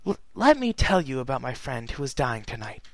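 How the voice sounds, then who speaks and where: A man's voice: mid-range voice, sing-song, fairly quick, creaky, dry recording. A man voicing a regal, sorrowful immortal pony princess, reading her letter in a solemn, earnest way. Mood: solemn, wistful. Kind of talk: fan fiction reading.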